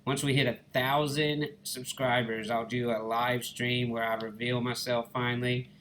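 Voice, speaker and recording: A man's voice: mid-range voice, little pitch movement, moderate pace, fairly bright tone, slight background noise. A man with a Southern Alabama accent giving easygoing, folksy, casual commentary over his gameplay. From Alabama, United States. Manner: easygoing, folksy, addresses viewers as guys and y'all. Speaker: gaming channel host.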